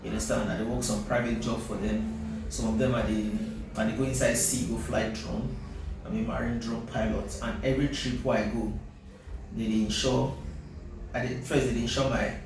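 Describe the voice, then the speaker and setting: A man's voice: mid-range voice, little pitch movement, moderate pace, gravelly. A man with a Nigerian accent talking in an interview, mixing English and Nigerian Pidgin and often checking that he is understood. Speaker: company CEO, interview guest. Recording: very echoey, distant mic, noisy.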